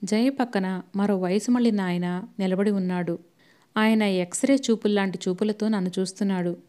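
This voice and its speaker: A woman narrating a novel as an audiobook, reading in a steady, even storytelling manner. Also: medium pitch, normal speed.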